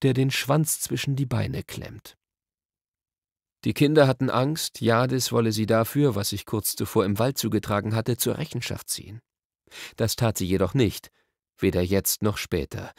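Gravelly, lively German audiobook narrator. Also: male voice, no room sound, clean studio sound. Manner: expressive storytelling with shifting pitch. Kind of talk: scripted narration.

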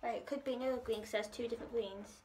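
A young British woman chatting casually and squealing in excitable reactions as she eats gross jelly beans in a taste challenge. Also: fairly high pitch, very fast, a little hiss or hum, poor audio. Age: young adult. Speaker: vlogger. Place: living room, indoors. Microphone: camera mic at a short distance.

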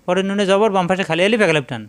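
High, clear-voiced man teaching recitation. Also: animated. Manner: repetitive step-by-step explanation, breaks into drawn-out chanted recitation of words. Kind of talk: tajweed lesson, explaining and demonstrating recitation.

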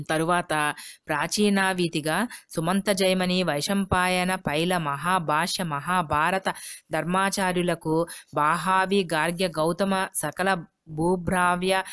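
A woman giving a scripted devotional recitation of scripture, reading in a steady, measured way and listing names slowly and deliberately. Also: fairly low pitch, clean tone, dry recording.

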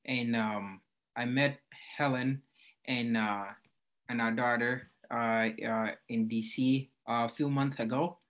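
A man from Ethiopia, a city councilman, introducing himself haltingly with many fillers on a video call. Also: mid-range voice, fairly even intonation, a bit bright.

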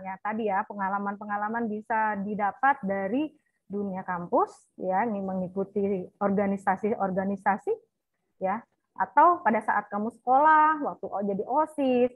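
A woman's voice: medium pitch, dry recording. A middle-aged woman lecturer coaching students in a chatty way, full of little "ya" and "nah" fillers. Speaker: university lecturer. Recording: thin phone-like sound, dry.

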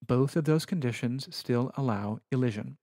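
A man giving a recorded Latin lecture over slides, explaining rules in a measured, precise manner. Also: medium pitch, warm tone, dry recording, clean studio sound.

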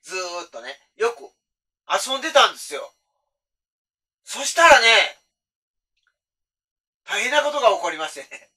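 Male host, storyteller; high and sharp-toned, animated, slightly off-mic. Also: measured pace, pauses often. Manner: animated, acts out both sides of a dialogue. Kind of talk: casual spoken ghost story.

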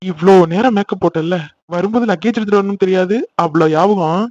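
Man voicing a fast-talking teasing big brother. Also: high voice, darkish tone, close to an everyday voice. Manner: teasing then soothing, scolds playfully. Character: caring older brother, teasing and protective. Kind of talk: animated cartoon dialogue. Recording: slightly dull lo-fi audio.

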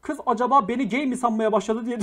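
A young man with a very high voice hosts a casual livestream at a quick pace, with background noise behind him. Slangy, jokey and affectionate with viewers, he reads their messages, swears freely, and flares into angry rants before apologizing.

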